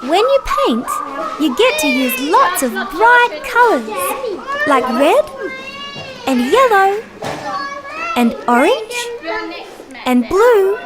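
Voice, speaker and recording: A woman voicing a cheerful, gentle female dinosaur who narrates for small children in a sing-song, encouraging way. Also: extremely high pitch, big pitch swings, takes it slowly, long pauses, heavy background noise, heavily acted. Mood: bright, encouraging. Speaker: children's show character.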